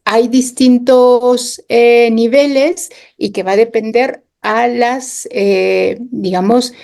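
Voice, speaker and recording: Her voice slightly high and darkish, a woman guest on a radio interview explains things patiently as an education specialist. She draws on classroom examples, sounds out words, and tags her points with little questions.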